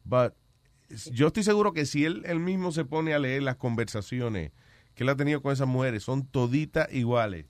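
A man's voice: medium pitch, expressive, normal speed, no echo. A man hosting a radio show in casual banter, joking and mixing Spanish and English.

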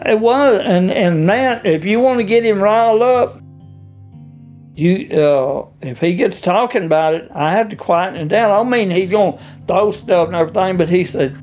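A man with a notably high voice talks in a plain, rambling way. Soft music sits faintly underneath his words. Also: normal speed. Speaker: stepfather of the accused family. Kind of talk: casual interview talk.

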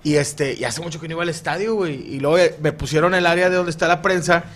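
A man's voice: fairly high pitch, fairly even intonation, quick pace, fairly bright tone. A man with a Mexican accent, co-hosting a casual podcast chat full of crude banter and laughter. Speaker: podcast co-host.

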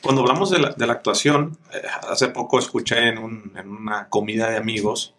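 A man's voice: medium pitch, fairly even intonation, fairly quick, a bit bright. A male podcast host with a mid-range voice asks his guest questions. He speaks hesitantly, restarting sentences and repeating words as he thinks. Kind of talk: interview questions.

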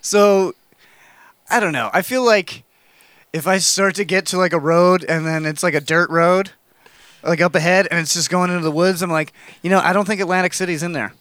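Young male podcast host, casual and talky, higher pitch, dry close mic. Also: normal speed, a bit bright, no echo. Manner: chatty, reads news items aloud. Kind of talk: casual chat.

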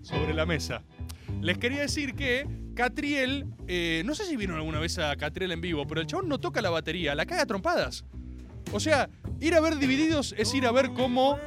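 Animated Rioplatense man, comic monologue. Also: extremely high pitch, fairly quick, music in the background. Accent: Rioplatense Spanish. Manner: animated, theatrical, slangy. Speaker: host.

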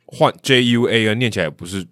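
A man, co-hosting a casual sports chat with quick quips and jokes. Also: fairly low pitch, fairly bright tone, dry recording, clean studio sound. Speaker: co-host.

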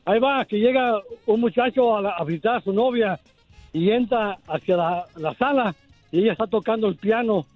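A man calling in to a radio show to tell a joke, plain and unhurried. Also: sits high, dry recording, soft background music. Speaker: caller. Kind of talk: telling a joke on a call-in show. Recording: dull call-in audio.

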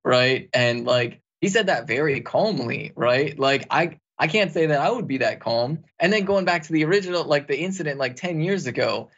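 A man's voice: fairly high pitch, animated, moderate pace, few pauses, fairly bright tone, dull audio. A man co-hosting a commentary show, talking earnestly and casually with many fillers. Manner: earnest, heavy use of "like". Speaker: co-host.

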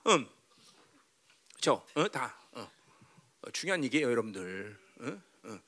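A pastor preaching a sermon, swinging from quiet, chatty asides to loud, tearful preaching, and often asking his listeners whether they agree. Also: medium pitch, very animated, unhurried. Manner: keeps asking the listeners "right?". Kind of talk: sermon with banter to the congregation.

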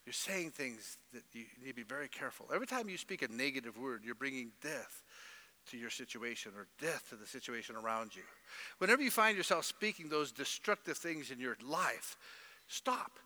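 A man's voice: medium pitch, expressive, brisk, pushed and bright, big-room sound. A middle-aged man preaching a sermon in a church, emphatic, with mimicked voices. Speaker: pastor.

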